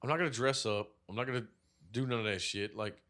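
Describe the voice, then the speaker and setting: A man's voice: mid-range voice, fast talker, a bit bright. A man co-hosting a podcast, telling stories in a rambling, profane way, with lots of "like" fillers. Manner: rambling storyteller, heavy swearing, many "like" fillers. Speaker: podcast co-host. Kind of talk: casual profane chat.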